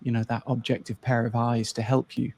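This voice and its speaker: A man's voice: mid-range voice, little pitch movement, brisk, darkish tone. A man hosting a podcast interview, a photographer himself, speaking in a conversational, encouraging way as he leads the questions.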